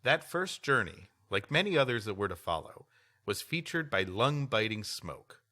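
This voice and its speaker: This podcast co-host is a man reading a history story aloud and breaking into wry, rambling, joking banter. His mid-range voice swings widely in pitch, moving at a moderate pace with a sharp tone.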